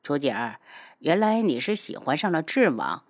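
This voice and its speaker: A woman voicing a cold, sneering young man who talks slowly and with menace. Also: very deep voice, expressive, pitched below the performer's own voice. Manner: slow, cold, sneering delivery.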